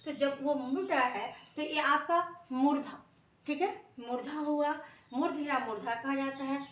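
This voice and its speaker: A woman teacher with a high voice gives children a grammar lesson at a slightly slow pace, patiently sounding out letters and often checking that everyone is following. The mic is far off, leaving a roomy echo.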